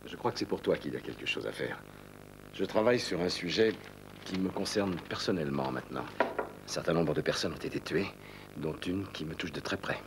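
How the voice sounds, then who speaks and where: A dogged middle-aged reporter in a dubbed television drama. His voice is very low and serious, over a faintly noisy soundtrack. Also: expressive, a little fast, creaky. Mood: grave. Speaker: actor dubbing a film character. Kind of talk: dubbed TV film drama dialogue.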